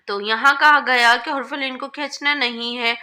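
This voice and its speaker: A woman teaching a Quran reading lesson, explaining rules clearly and then spelling out syllables slowly, one by one. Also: high voice, fairly even intonation, bright, forceful tone. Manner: slow, drawn-out letter-by-letter recitation.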